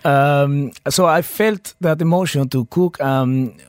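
A man's voice: a little high, smooth, no room sound, studio quality. Cheerful man with a Peruvian Spanish accent. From Peru. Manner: warm, cheerful, laughs easily, halting phrasing. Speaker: chef, studio guest. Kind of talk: radio interview. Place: radio studio. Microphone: studio microphone.

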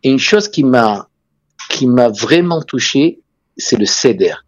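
A man's voice: mid-range voice, lively intonation, slow, dry recording, highs cut off. A man with a foreign, Israeli accent in French tells travel anecdotes conversationally as an interview guest, emphatically repeating key phrases. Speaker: interview guest, real estate and tourism businessman.

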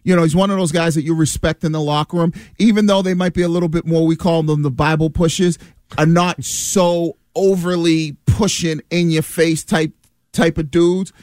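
A man's voice: fairly high pitch, steady tone, moderate pace, darkish tone, no room sound, studio quality. An American man, a former player, talking sports casually as a radio panelist, reasoning aloud and often repeating himself.

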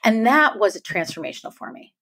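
A woman's voice: a little high, lively intonation, quick pace, sharp tone. A middle-aged woman, a guest author, speaking earnestly in a podcast conversation, often checking in with "right?". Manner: earnest, emphatic, frequent "right?" tags.

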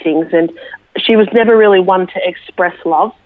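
An Australian woman, a military veteran, sharing her story slowly and reflectively as an interview guest, with many small fillers. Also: fairly low pitch, dry recording. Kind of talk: personal testimony interview. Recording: tinny phone line, dry.

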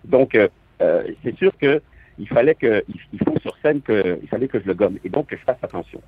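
Husky man with a Quebec accent on the phone. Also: on the low side, expressive, brisk. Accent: Quebec French. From southern France. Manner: hesitant, reflective, many restarts. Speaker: stage actor, guest. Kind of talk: phone-in radio interview. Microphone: telephone. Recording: tinny phone line.

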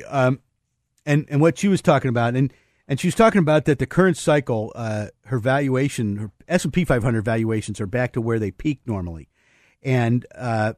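A man's voice: medium pitch, darkish tone, no room sound, clean studio sound. A man hosting a financial talk radio show, rambling through market views with many fillers and restarts. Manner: explains market terms plainly.

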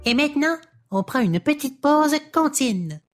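A woman's voice: high voice, animated, a little slow, loud music behind the voice. A woman voicing Félix, a curious, cheerful young boy who co-hosts a children's show and asks eager questions. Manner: eager, wide-eyed questioning. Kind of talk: children's TV dialogue.

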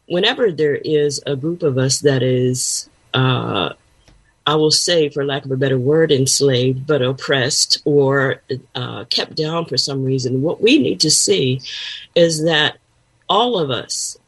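A woman guest on a talk show, speaking conversationally and haltingly as she searches for words. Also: very deep voice, slightly rough, poor audio. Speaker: guest, pastor and counselor. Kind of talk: conversational interview.

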